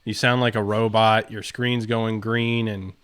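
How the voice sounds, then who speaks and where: A man's voice: lowish voice, little pitch movement, a little slow, fairly bright tone, clear, resonant tone. A man co-hosting a casual sports podcast over a video call, talking in long, reflective, rambling turns. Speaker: podcast co-host.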